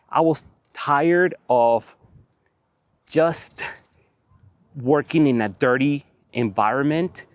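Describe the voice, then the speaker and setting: A man speaks earnestly to the camera, leaning on repeated phrases to drive his point home. His voice sits at an ordinary middle pitch and sounds close and dry, with little room around it, even though he is outside on a windy evening. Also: no echo. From Venezuela. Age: 40s. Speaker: vlogger. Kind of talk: motivational talk to camera.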